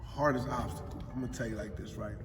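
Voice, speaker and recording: A Philadelphia man in his forties answers casual interview questions in emphatic street talk, often adding "you know what I mean". He speaks fast at medium pitch with a steady tone. A distant mic captures him in a large, echoey public building, with roomy hall echo, faint ambience and slight background noise.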